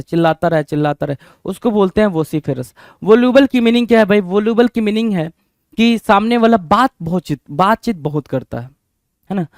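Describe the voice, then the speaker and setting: High-voiced animated male vocabulary teacher. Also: smooth, no echo, clean studio sound. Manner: animated, repeats words with quiz-like questions. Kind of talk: Hinglish vocabulary lesson.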